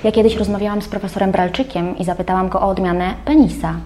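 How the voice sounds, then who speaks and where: A woman's voice: medium pitch, steady tone, quick pace, mellow. A woman hosting a radio interview, asking curious, probing questions. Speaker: radio host.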